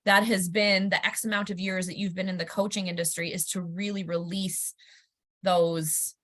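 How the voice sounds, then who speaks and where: A woman's voice: on the low side, flat delivery, moderate pace. A woman co-hosting a podcast in casual chat, speaking in an earnest, emphatic way. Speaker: podcast co-host.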